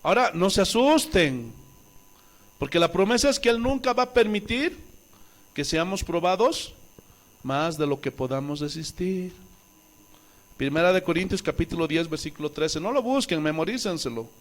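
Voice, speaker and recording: A male pastor from Bolivia preaching a sermon, impassioned and swinging from loud exclamations to quiet asides, acting out quoted voices. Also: sits high, lively intonation, moderate pace. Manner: acts out quoted voices with wailing and pleading tones.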